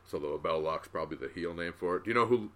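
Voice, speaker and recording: A man co-hosting a podcast, chatting casually and excitedly recapping a wrestling match, swearing now and then. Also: sits low. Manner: excitable, swearing, quick bursts of enthusiasm. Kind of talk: casual chat.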